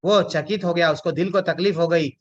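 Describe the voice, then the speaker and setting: A man teaching a devotional scripture class, telling stories in an animated way and answering his own questions. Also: on the high side, normal speed, lo-fi sound.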